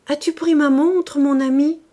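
A woman voicing a fussy, anxious middle-aged bourgeois wife in an audiobook, speaking in a shrill, fretful way. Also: expressive, moderate pace, mellow.

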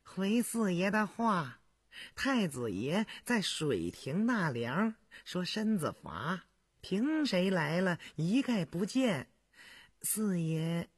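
A male audiobook reader voicing a timid, fawning palace eunuch servant who pleads in slow, drawn-out words. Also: sits high, big pitch swings, breathy edge, no echo, clean studio sound, pitched above the performer's own voice, full character voice. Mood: deferential. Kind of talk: audiobook character voice.

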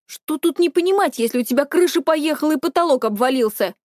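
A woman voicing a hot-tempered young teenage girl who shouts in high, shrill outbursts. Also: expressive, fast talker, no room sound, studio quality.

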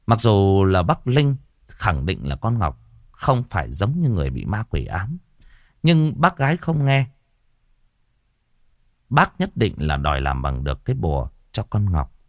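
A man's voice: low-pitched, big pitch swings, measured pace, pauses often, no echo, clean studio sound. A man narrating a horror audiobook story in a dramatic, swinging manner.

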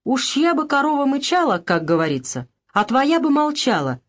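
A woman voicing a young married peasant woman who answers back in sharp, defiant retorts, in an audiobook. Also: medium pitch, lively intonation, normal speed, natural voice. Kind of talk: audiobook character voice.

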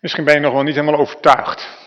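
A man's voice: fairly high pitch, little pitch movement, quick pace, a bit bright. A man preaching a sermon in a conversational storytelling manner, with asides to the listeners. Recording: reverberant church hall.

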